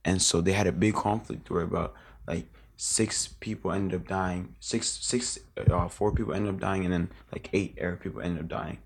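A man's voice: deep voice, fairly even intonation, normal speed, vocal fry, slightly rough. A young man in his late teens, a guest in a casual interview, rambling through his memories with lots of filler words and restarts.

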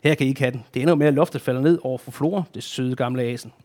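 A man voicing a kindly, fussy gentleman with a pipe and moustache in a children's story, flustered and well-meaning. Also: mid-range voice, lightly acted. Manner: warm-hearted, flustered.

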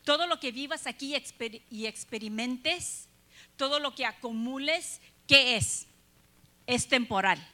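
Woman preacher, high bright voice, earnest sermon with rhetorical questions. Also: a little slow.

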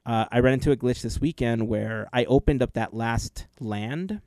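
A man's voice: mid-range voice, normal speed, mellow, dry recording. A man co-hosting a casual podcast chat, explaining his gaming experience earnestly and at length. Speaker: podcast co-host and gameplay video creator.

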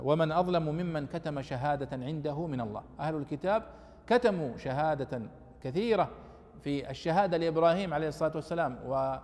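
A man's voice: on the high side, darkish tone, in a large hall. A man teaching a lesson on Quran commentary, explaining the text and raising his voice with emphasis on quoted verses.

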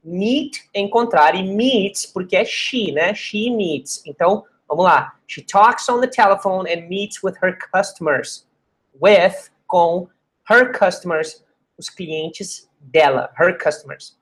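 A Brazilian English teacher, a native Portuguese speaker, giving a bilingual lesson who repeats English words slowly to show pronunciation. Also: mid-range voice.

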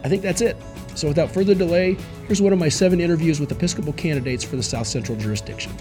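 A man hosting an interview podcast, his voice gravelly and squeaky from a bad head cold. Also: rapid-fire, music in the background. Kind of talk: prepared podcast introduction and interview questions.

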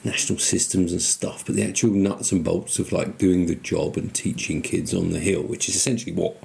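A man hosting a podcast, chatting casually in a relaxed, rambling way with frequent restarts. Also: deep voice, brisk, gravelly, reverberant. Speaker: podcast host. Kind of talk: casual interview chat.

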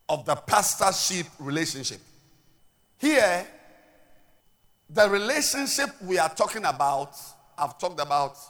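Preaching in a voice that sits high, this Ghanaian-accented pastor moves between booming proclamations and hushed asides. He often restarts, repeating words as he does.

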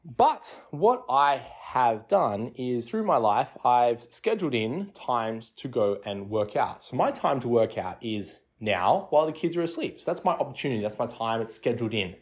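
A man's voice: medium pitch, very animated, moderate pace. A man in his thirties talking casually as a solo fitness podcast host, giving coaching tips in short, repeated, conversational phrases. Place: home garage. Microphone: handheld or personal recording device.

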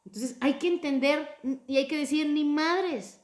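A woman hosting a casual podcast chat about emotions, talking in an expressive, playful way. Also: high voice, measured pace, echoey room. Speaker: podcast host.

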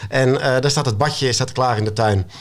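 A man of ordinary pitch talks about his own book in a relaxed, casual way. He pauses often to hunt for words and chuckles as he tells anecdotes. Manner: frequent hesitations. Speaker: children's book author as guest. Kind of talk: casual conversation.

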